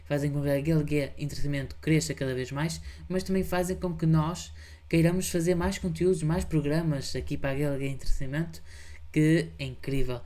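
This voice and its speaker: Hosting a video reaction show, a European Portuguese-accented man offers easygoing commentary and pushes again and again for subscriptions and likes. He speaks a little fast, with a fairly high yet dark voice and mostly flat intonation.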